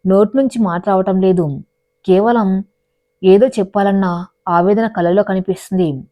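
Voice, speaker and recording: A woman's voice: medium pitch, steady tone, unhurried, mellow, dry recording. A woman narrating a dramatic love story as a storyteller, in a scripted reading style. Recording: dry, dull lo-fi voice recording.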